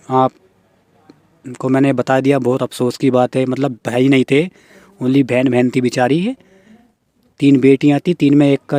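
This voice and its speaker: Young guy talking to his viewers, earnest and kinda pleading, flat mellow voice, dry close mic. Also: medium pitch, no echo. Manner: earnest, pleading, repeats "है ना" and "साथियों". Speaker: exam-prep YouTuber addressing aspirants. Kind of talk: casual talk reading out a news report.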